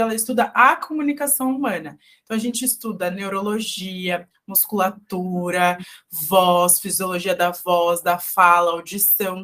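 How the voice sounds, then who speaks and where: A woman's voice: medium pitch, a bit bright. Brazilian woman explaining things step by step. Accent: Brazilian Portuguese. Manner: didactic, lists terms and explains step by step. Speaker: speech therapist guest. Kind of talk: explanatory radio interview talk. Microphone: studio radio microphone.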